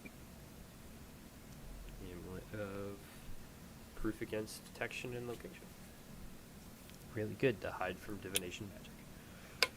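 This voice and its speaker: A man narrating a tabletop game as game master, improvising halting, descriptive storytelling addressed to the player. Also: on the low side, fairly even intonation, noisy background.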